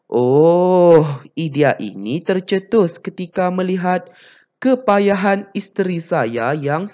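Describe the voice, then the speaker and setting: A modest male welder, read out by a teacher explains his invention in a plain, steady voice. The pitch still moves a fair amount as he talks. The sound is dull and lo-fi.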